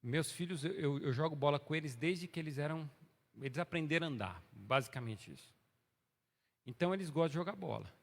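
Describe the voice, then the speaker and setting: A man preaching a sermon as pastor, animated and folksy, swinging between soft asides and loud exhortation. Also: on the high side, a little fast, gravelly. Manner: folksy storytelling, voicing everyday people. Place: church sanctuary. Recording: long church reverb.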